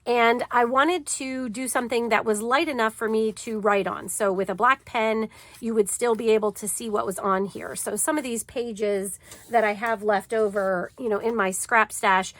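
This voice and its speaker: Showing a planner layout in a casual crafting tutorial, this channel host talks in a chatty, easygoing way full of fillers, her voice stuffy from a cold. It sits on the high side and is fairly bright, with no echo.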